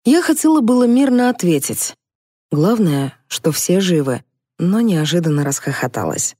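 A woman reading a comic first-person audiobook with a lively, ironic delivery. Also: lowish voice, normal speed, husky, no echo, clean studio sound. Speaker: audiobook narrator.

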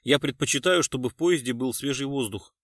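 A man's voice: mid-range voice, fairly quick, a bit bright, dry recording, clean studio sound, natural voice. A man voicing a formal male army engineer major who answers in clipped military phrases.

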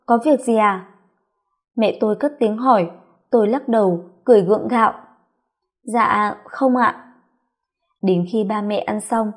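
A woman's voice: on the high side, mellow, husky. A woman narrating a first-person audio story in a confiding, reflective way.

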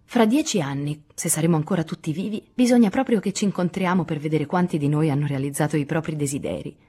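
A woman's voice: low voice, fast, dark tone, slightly rough. A woman voicing a bold, tomboyish teenage girl who always has a plan, in a storybook reading. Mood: confident.

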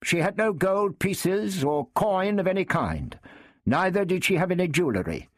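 A man's voice: high-pitched, very animated, normal speed, no room sound, studio quality, pitched above the performer's own voice. A man voicing a young English knight who reasons firmly and earnestly. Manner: firm, earnest, argumentative.

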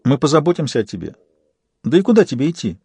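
A protective older girl with a firm, assured way of talking, put on by a male audiobook narrator. The tone stays mellow and dry, only slightly raised. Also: fairly high pitch, big pitch swings, fast talker, vocal fry, slightly rough, no room sound, heavily acted.

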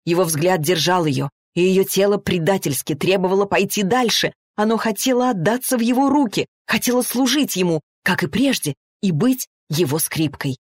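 A woman narrating a romance novel in an even, measured reading. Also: medium pitch, no room sound, studio quality. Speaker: audiobook narrator.

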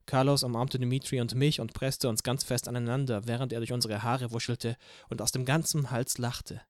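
A man narrating a novel in the first person as an audiobook, in a steady storytelling manner. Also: medium pitch, brisk, no echo, studio quality. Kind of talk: scripted narration.

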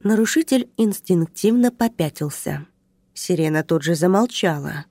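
A woman narrating a story aloud in an expressive, even reading voice. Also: fairly low pitch, normal speed, no room sound. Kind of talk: audiobook reading.

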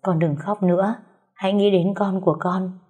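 A woman voicing a firm, caring old grandmother, speaking in a steady, admonishing way. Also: mid-range voice, moderate pace, husky, dull audio, faint music behind, natural voice.

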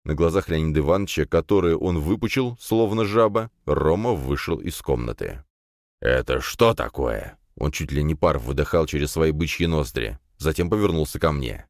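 Male audiobook narrator, very low voice, lively intonation, dry close studio sound. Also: fairly quick, hardly any pauses, dry recording. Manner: expressive, dramatic. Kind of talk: scripted first-person narration.

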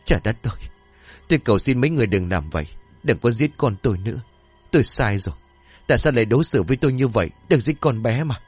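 A man's voice: medium pitch, animated, quick pace, slightly rough, no echo, soft background music, voice pushed up. A man voicing a frantic older mother who hides a guilty secret and pleads in a wailing voice. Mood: pleading.

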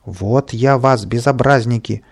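A man voicing an angry gardener who scolds and shouts after children in a children's audiobook. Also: medium pitch, measured pace, breathy edge. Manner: loud, scolding. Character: angry male gardener chasing kids.

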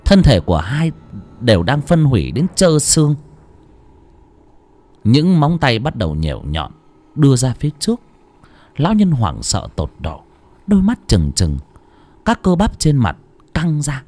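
A man narrating a horror story in an expressive, dramatic style. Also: mid-range voice, a little slow, pauses often. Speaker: audiobook narrator.

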